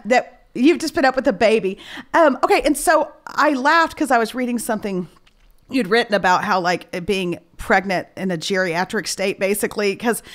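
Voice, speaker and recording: A woman in her late forties hosting a podcast in a casual, chatty interview style, with a head cold in her voice. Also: on the high side. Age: late 40s. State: has a cold. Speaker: podcast host.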